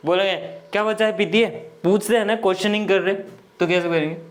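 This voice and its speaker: A man's voice: high-pitched, fairly even intonation. A man teaching English grammar in Hindi, explaining step by step and often checking that students follow. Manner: slow, repetitive explaining with frequent checks.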